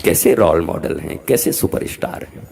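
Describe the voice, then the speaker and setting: A man's voice: low-pitched, expressive, moderate pace, gravelly, darkish tone, breathy edge, faint music behind. A man in his fifties, a spiritual teacher giving an emphatic sermon, chiding and calling out to his audience.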